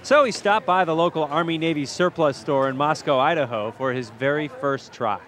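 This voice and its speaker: A man's voice: a little high, normal speed, fairly bright tone. A man reporting a light TV feature, reading scripted narration in punchy phrases with playful, dramatic build-ups. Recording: crowd chatter and clear outdoor fair noise. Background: outdoor fair crowd and ambience.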